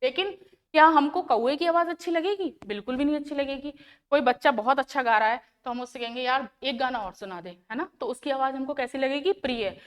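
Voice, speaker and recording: A woman science teacher with a high voice and a North Indian Hindi accent teaches schoolchildren. She asks questions and answers them herself, patiently repeating each key term. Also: a little fast. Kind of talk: classroom lesson explaining to children.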